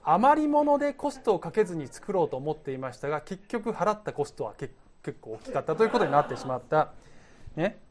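Chatty man preaching with lively pitch. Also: a little fast. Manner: chatty, laughs at himself, tells stories. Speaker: pastor. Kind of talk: casual conversational sermon.

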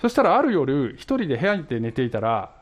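A man's voice: medium pitch, fast. A male pastor giving a sermon who tells a funny personal story with laughter. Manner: animated, laughs while telling stories.

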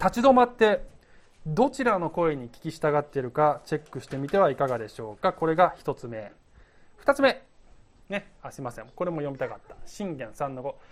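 A man giving a relaxed, conversational sermon as pastor. He tells stories from his own life and often laughs at himself. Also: fairly high pitch.

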